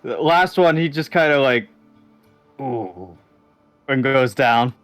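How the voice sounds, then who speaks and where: Casting: a mid-pitched male game master, halting, casual, faint music behind. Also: a bit bright, clean tone, no echo. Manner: halting, restarts mid-sentence. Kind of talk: casual tabletop game narration.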